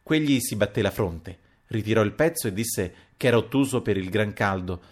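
A man with a low, deep voice narrates a classic novel aloud. His reading is measured and expressive, in audiobook style.

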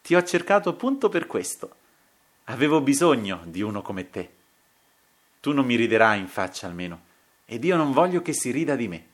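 A man's voice: medium pitch, a little slow. A man voicing a feverish young painter who talks in a bitter, agitated way. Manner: strange bitter laughter, excited.

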